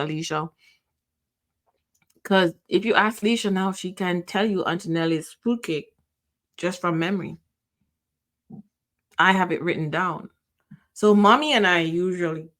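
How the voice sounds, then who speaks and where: A podcast host, middle-aged and Jamaican-accented, shares a reflective personal monologue in a lowish voice. She talks with feeling, breaks off often, rephrases from the start, and lets some sentences go unfinished.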